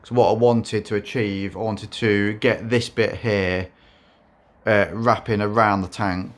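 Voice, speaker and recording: Showing his custom motorbike in a laid-back vlog, a man speaks at a measured pace in a lowish voice. By his own description it's a monotone, with plenty of fillers and false starts.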